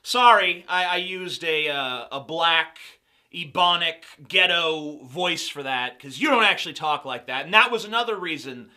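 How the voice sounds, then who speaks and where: Young male commentator, sarcastic and mocking, high bright voice. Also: animated, moderate pace. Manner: mocking, sarcastic, laughs at own jokes. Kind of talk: sarcastic commentary on video clips.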